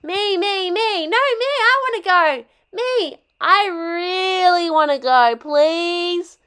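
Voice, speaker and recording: A very high, childlike cartoon puppy performed by a woman for children's toy storytelling. The kid is playful and excitable, exclaiming eagerly and repeating words, yet delivers lines at a slow pace. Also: exaggerated voice. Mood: pleading.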